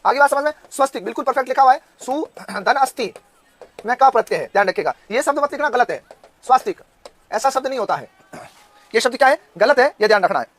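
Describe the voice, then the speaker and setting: A man in his thirties with a Rajasthani Hindi accent, teaching an online exam-prep Hindi class and firing quick questions at his students. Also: extremely high pitch, no room sound. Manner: drilling students with quick questions, loud and insistent.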